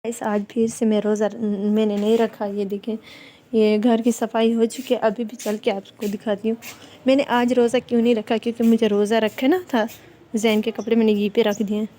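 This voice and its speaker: Warm-voiced young mother chatting. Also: fairly high pitch, flat delivery. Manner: chatty, rambling, coos sing-song to her baby. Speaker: family vlogger, mother of a small child. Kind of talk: casual home vlog chat.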